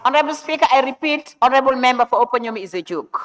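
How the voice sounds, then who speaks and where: Woman, parliament member, fairly high pitch, smooth clear voice, formal, courteous but insistent. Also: animated, very fast.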